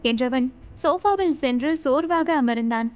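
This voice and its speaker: A woman narrating an audiobook in a smooth, even storytelling voice. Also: high voice, normal speed, dull audio. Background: background music.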